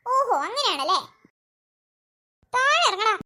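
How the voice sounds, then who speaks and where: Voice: extremely high pitch, very animated, measured pace, pushed and bright, heavily acted. A voice actor playing a stubborn, bossy big-sister girl in a cartoon, with a threatening tone.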